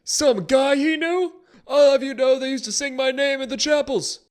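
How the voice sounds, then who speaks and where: A man's voice: very high-pitched, moderate pace, voice pushed up. A man voicing a mad, rambling ancient human wizard who loses his train of thought and takes offense easily. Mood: shrill rambling. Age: older. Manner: scatterbrained, indignant, rambling with trailing restarts.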